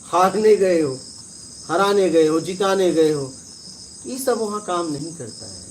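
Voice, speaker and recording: A man with a notably high-pitched voice gives a spiritual discourse in a relaxed, conversational way. He tells parables and keeps checking that his listeners follow, over a faint hiss of background noise. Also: a little slow. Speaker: spiritual teacher.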